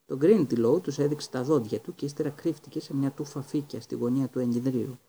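A man reading a Greek audiobook in a steady, even storytelling manner. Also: medium pitch, slightly rough. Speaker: audiobook reader. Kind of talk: audiobook narration.

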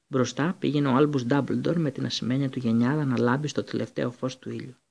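Guy reading a story out loud, raspy kinda gravelly voice, slips now and then. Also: mid-range voice. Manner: steady reading, occasional slips and restarts. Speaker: audiobook reader. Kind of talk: storybook narration.

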